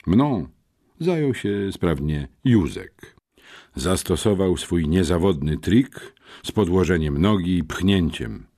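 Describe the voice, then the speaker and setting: An older man narrates an audiobook with a low, husky voice. His delivery is animated, rising and falling widely in pitch as the story moves along. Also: slow pace. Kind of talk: scripted narration.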